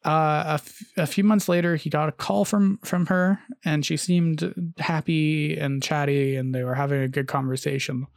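Man, podcast host, gravelly, slightly high voice, halting delivery, reads quotes aloud. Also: fairly even intonation, dry recording, clean studio sound. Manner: hesitant, frequent "uh" and restarts, reads long quotes aloud. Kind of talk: casual storytelling podcast.

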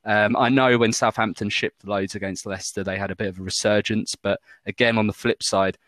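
A man's voice: lowish voice, fairly even intonation, brisk, fairly bright tone, dry recording. A man with a Maltese accent chatting casually as a panellist on a football podcast. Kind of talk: casual fantasy football chat.

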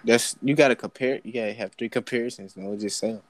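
A man's voice: mid-range voice, fast talker, no room sound. A young man hosting a casual group chat, joking around, swearing freely and bossing the questions along. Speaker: segment host asking questions.

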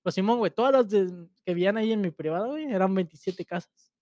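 In a clean, echo-free studio recording, a young Mexican-accented co-host speaks quickly in a high-pitched, warm voice. The podcast conversation is casual and crude, packed with slang and frequent laughter.

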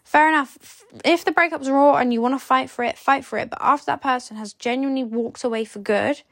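Blunt chatty woman, gravelly voice. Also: high voice, a little fast, no echo, clean studio sound. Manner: blunt, chatty, swears, many "like" fillers. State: sleepy, yawning. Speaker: podcast host. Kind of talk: casual advice monologue.

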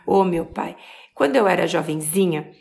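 Brief: woman in her 40s with a Brazilian accent, podcast host, gravelly fry in the voice, emphatic motivational delivery. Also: on the low side, normal speed. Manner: expressive, emphatic, stretches key words.

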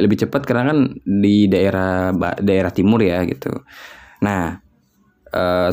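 A young man from West Java talks in a loose, rambling solo chat, thinking aloud and padding his sentences with fillers. His voice sits on the low side, with a dark, mellow tone. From West Java, Indonesia.

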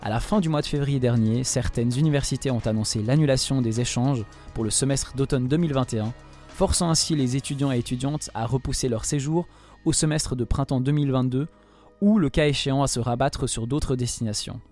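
Man, scripted radio column, wry asides, mid pitch. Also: a little fast, darkish tone, soft background music. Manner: wry, jokey delivery.

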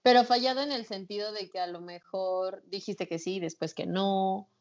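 A woman's voice: medium pitch, steady tone, moderate pace, muffled recording. A woman interviewing an actor, asking short questions and giving brief agreeing replies.

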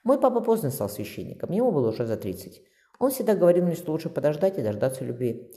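A man reading an audiobook voices a kind, earnest young man of twenty-one, speaking gently and reassuringly. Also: a little high, very animated, fast talker, voice pushed up. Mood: gentle. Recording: long reverb.

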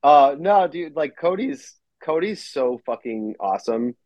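This podcast guest, a pro wrestler who runs his own company, has a fairly high, sing-song, slightly mellow voice and a measured pace, recorded dry and a bit muffled. He meanders and curses, using "like" as filler nearly nonstop.

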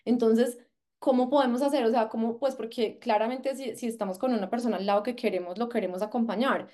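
A woman hosting a conversational interview, telling stories in an emotional, expressive way. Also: fairly high pitch, a little fast. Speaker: host.

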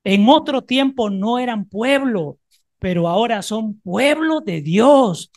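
A woman preaching a sermon to a congregation in a church, emphatic and repeating phrases, moving between soft, close talk and loud rallying. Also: fairly high pitch, lively intonation, slow pace, no room sound.

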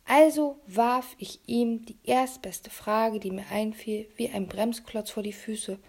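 A woman reading a children's novel aloud in a lively storybook narration, sometimes dropping to a whisper. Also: fairly high pitch, slow pace, slightly rough. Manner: animated, dropping to whispers at times. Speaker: audiobook reader.

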